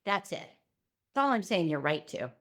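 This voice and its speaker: Lively middle-aged woman explaining as a guest. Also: on the low side, moderate pace. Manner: lively, breaks into acted-out quotes. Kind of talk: conversational interview explanation.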